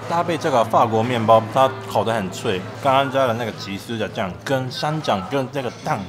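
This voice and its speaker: A young Japanese man, native in Japanese, chats casually in Japanese-accented Mandarin for his travel and food vlog. His medium-pitched voice is expressive and a little fast, with music playing underneath.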